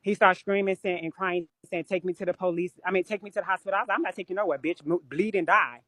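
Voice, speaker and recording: This woman's low-ish, slightly bright voice stays steady in tone as she talks fast. Chatting casually on a live stream through a phone or webcam, she tells blunt stories laced with profanity, and the recording is dry.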